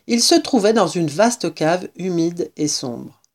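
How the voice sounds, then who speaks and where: Woman narrator for a children's storybook, lively pitch, unhurried.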